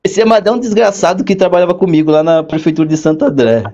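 A man with a fairly high voice tells his story in a chatty interview, leaping up in pitch whenever he acts out what someone said to him. The sound is a bit muffled and lo-fi. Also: fast, slight background noise. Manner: animated storyteller, acts out quoted dialogue with big pitch jumps. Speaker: guest, court clerk.

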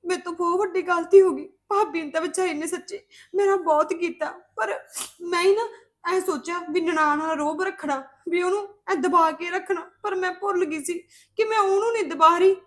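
A woman with a Punjabi accent playing a remorseful sister-in-law who apologizes to her family in a drama. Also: extremely high pitch. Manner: apologetic, pleading. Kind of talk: scripted family drama acting.

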